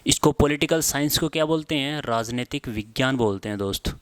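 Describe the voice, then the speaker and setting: A young male teacher gives a casual exam-prep lesson, dropping fillers at the end of phrases and repeating key words slowly for dictation. His voice is smooth and clear at a middle pitch. The recording is close and dry. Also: no echo. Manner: frequent filler tags at phrase ends.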